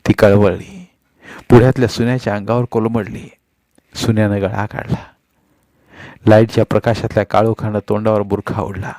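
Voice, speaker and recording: A man's voice: on the low side, flat delivery, normal speed, pauses often, darkish tone, no echo. Man narrating a sorrowful story. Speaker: audiobook narrator. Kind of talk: audiobook story reading.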